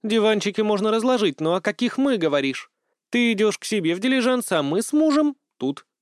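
A man's voice: high-pitched, animated, a little fast, clean tone, no echo, clean studio sound, voice pushed up. A man voicing a possessive, teasing young wife in an audiobook.

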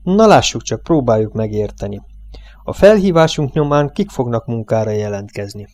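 A man's voice: mid-range voice, lively intonation, darkish tone, dry recording, lightly acted. A man voicing a blunt, scornful oil company boss who is Irish in the story, read as an audiobook character voice. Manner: blunt, sneering, rough-spoken.

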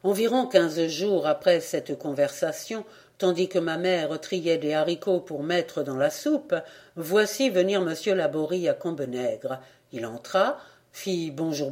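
A volunteer reader narrating a classic novel at a measured pace. The voice sits at a middling pitch, neither high nor low, and tells the story evenly. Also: expressive, a little mellow. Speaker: audiobook reader. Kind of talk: literary audiobook narration.

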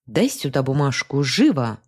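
A woman's voice: very deep voice, very animated, moderate pace, breathy edge, heavily acted. A woman doing a suspicious, insistent young wife. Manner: insistent, rising to shouting.

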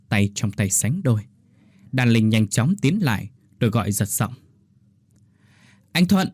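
A man's voice: fairly low pitch, darkish tone, no room sound, clean studio sound. A man narrating a dramatic story in a scripted storytelling style. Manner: dramatic storytelling, acting out the figures.

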